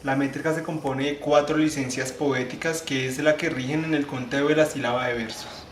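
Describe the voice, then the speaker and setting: A young man giving a class presentation, explaining step by step, restarting phrases and slowing down to spell out syllables. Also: mid-range voice, fairly even intonation. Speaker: student presenter. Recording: echoey room, faint ambient noise.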